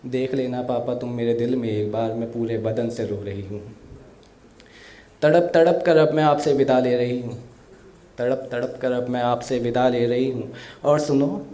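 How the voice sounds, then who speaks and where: A man performing an emotional poetry recitation for an audience, slow and heartfelt, repeating verses with rising emphasis. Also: mid-range voice, dark tone. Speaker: poet. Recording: echoey room.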